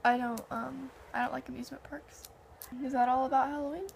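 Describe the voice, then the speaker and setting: A woman's voice: high-pitched, a little fast, vocal fry, highs cut off, a little hiss or hum. A young woman in casual chat, telling stories in a conversational way and acting out quoted dialogue. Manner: animated anecdotes with heavy filler "like" and quoted dialogue.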